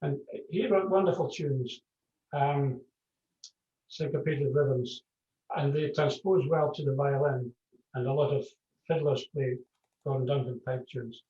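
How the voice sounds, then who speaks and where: A man's voice: medium pitch, a little slow, pauses often. Scottish man, distant and muffled. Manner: relaxed, explanatory, repeats words. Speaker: piper. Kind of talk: casual interview answers. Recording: distant, dull, echoey call audio.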